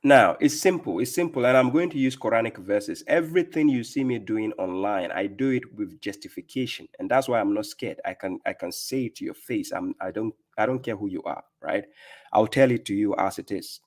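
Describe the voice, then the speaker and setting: A middle-aged man with a Ghanaian accent and a fairly low voice leads a live-stream religious talk. He speaks emphatically and firmly, often stopping to ask his viewers "right?". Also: fairly quick. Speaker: livestream host and religious speaker.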